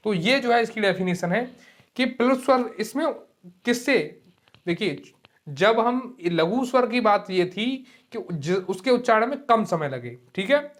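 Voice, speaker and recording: A man teaching a grammar class online, who explains slowly, repeats key terms and often checks in with his students. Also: sits high, animated. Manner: drags vowels out long to demonstrate them. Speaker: Hindi teacher. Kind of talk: online exam-prep lecture.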